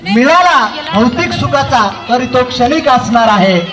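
A man's voice: very high-pitched, lively intonation, measured pace. A man hosting comedy games for children at a community celebration, joking with and coaxing the kids. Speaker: event host running children's games. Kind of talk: live comedy game hosting. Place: outdoor community celebration stage. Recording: echoey PA sound with crowd.

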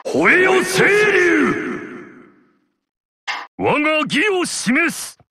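An actor voicing a proud, honorable male warlord general in a video game, trading battle cries and formal, old-fashioned commands with a husky voice. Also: very high-pitched, huge pitch swings, extremely slow, slight background noise, exaggerated voice. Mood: commanding. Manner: archaic samurai-style formal speech, shouted battle cries. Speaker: game character voice.

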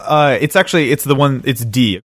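A man's voice: mid-range voice, brisk, a bit bright, no room sound, clean studio sound, lightly acted. A man playing an awkward, politely patient driving instructor who stammers through his instructions in an improvised comedy role-play. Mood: patient, baffled.

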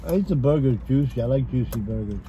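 A man's voice: medium pitch, expressive, quick pace, warm tone, slight background noise. An older man, a father co-hosting a food review and chatting easygoing while eating in a parked car, picked up by a dashboard camera. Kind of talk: casual chat in a car.

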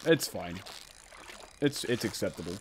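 Streaming a farming game, a man with a lowish, animated voice chats casually with his co-op partner, joking, swearing, and teasing him. He talks a little slowly, and there's a bit of hiss or hum.

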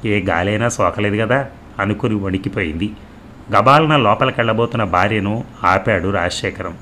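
Sex: man. Role: storyteller. Style: novel read aloud. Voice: low-pitched. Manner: steady, expressive. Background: faint noise. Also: moderate pace.

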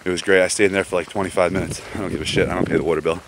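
Laid-back deep-voiced man vlogging outdoors. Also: steady tone, rapid-fire, noisy background. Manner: laid-back, rambling, slangy, many fillers. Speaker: vlogger walking a pilgrimage route. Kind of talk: casual walking vlog. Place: outdoors on a woodland trail, walking.

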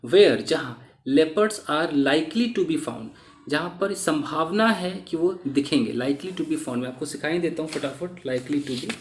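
A man teaching English through newspaper reading. He reads each English phrase slowly, then explains it quickly. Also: on the high side, animated, roomy sound, a little hiss or hum.

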